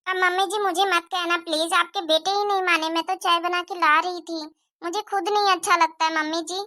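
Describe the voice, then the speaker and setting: A polite young cartoon wife, as a woman voices her speaks softly and carefully. Her voice is very high and bright. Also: fairly even intonation, a little fast. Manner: polite, soft-spoken. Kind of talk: Hindi cartoon moral-story voice acting.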